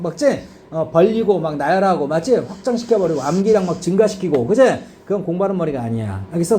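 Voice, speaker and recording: Man, English teacher, high-pitched, mellow, quizzing students, faint background hiss. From South Korea. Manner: constant checking questions to students. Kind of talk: classroom grammar lecture.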